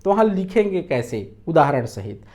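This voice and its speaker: A man's voice: fairly high pitch, sing-song, normal speed, darkish tone. A man giving an exam-prep lecture as a teacher. He explains step by step, asking rhetorical questions and answering them himself.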